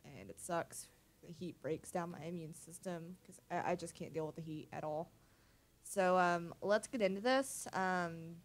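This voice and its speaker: A young American woman who hosts a gaming channel gives casual let's-play commentary on a card game, seated at her computer in a home room. Stuffy and sniffly with a cold, she's laid-back and often mutters to herself, her voice fairly low in pitch.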